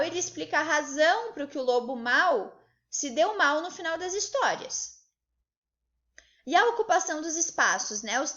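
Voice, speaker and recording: High, lively Brazilian woman teacher. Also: highs cut off. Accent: Brazilian Portuguese. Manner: patient, encouraging, checks in with "né?" and "tá?". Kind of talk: online class lesson for children.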